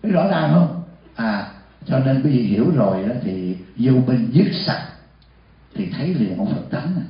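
A man, a senior monk, giving a lively sermon in a temple hall and questioning his listeners. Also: mid-range voice, moderate pace. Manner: lively, asks the audience questions and acts out short dialogues. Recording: echoey hall, dull lo-fi sound.

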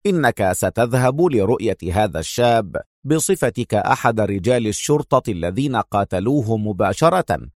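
A man voicing a calm, cold, contemptuous male crime boss who speaks slowly and coolly in a storybook reading. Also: fairly low pitch, dry recording, studio quality. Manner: cool, slow, contemptuous.

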